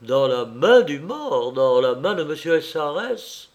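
A man's voice: fairly high pitch, unhurried. A man reading as an agitated young army captain. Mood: urgent. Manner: urgent, insistent questioning. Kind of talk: audiobook character voice.

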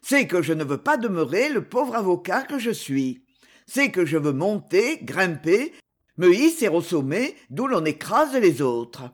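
A man voicing a small, ambitious spy lawyer, fawning yet sinister, with a husky voice. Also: high-pitched, very animated, unhurried, full character voice. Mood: scheming. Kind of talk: audiobook character reading.

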